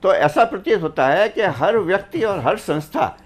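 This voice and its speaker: This is a man on a studio news panel, talking in a measured and reflective way. He weaves couplets and old sayings into his points. His voice sits a little higher than most men's. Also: animated. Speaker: panelist, former government officer.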